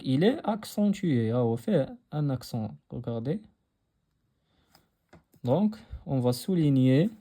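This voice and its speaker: A young Moroccan man explains a textbook lesson patiently, repeating his phrases and switching between French and Arabic. His voice is mid-range with a dark tone.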